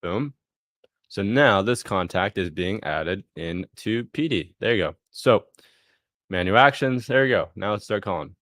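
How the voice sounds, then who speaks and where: A man casually walking through a software demo on a live screen share, thinking aloud as he clicks and punctuating steps with "boom". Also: lively intonation, unhurried, no room sound, studio quality.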